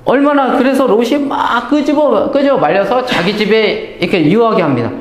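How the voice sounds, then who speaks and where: A man's voice: very high-pitched, moderate pace, roomy sound, slight background noise. A man giving a Bible study lecture. He asks himself questions and answers them at once, and acts out quoted speech.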